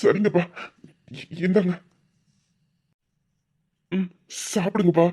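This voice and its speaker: A woman's voice: fairly low pitch, fairly even intonation, slow, mellow, breathy edge. A woman voicing a meek young son who stammers shyly in an amateur audio drama. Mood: gentle. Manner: timid, stammering.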